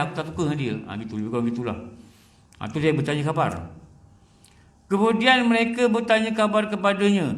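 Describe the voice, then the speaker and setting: Malaysian Malay preacher, repeating for emphasis. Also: male voice, high-pitched, fairly bright tone, roomy sound. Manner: conversational storytelling, repeats phrases for emphasis. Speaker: religious lecturer. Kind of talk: religious lecture.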